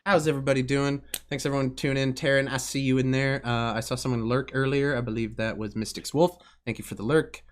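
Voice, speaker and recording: A man's voice: medium pitch, fairly even intonation, fast, few pauses. A young man running a tabletop game on a live stream, casual with many fillers. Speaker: game master.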